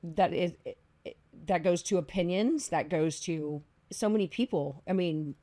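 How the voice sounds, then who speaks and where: A woman's voice: fairly low pitch, moderate pace. A woman hosting a podcast, chatting casually and telling stories with lots of laughter. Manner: laughing, animated storytelling. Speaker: podcast host. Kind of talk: casual chat.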